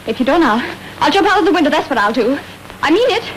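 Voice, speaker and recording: A woman's voice: high voice, very animated, fast talker, a bit bright, slight background noise, rough recording. A frightened, pleading girl with a Southern drawl. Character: frightened young woman suspect. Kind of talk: 1930s radio acting.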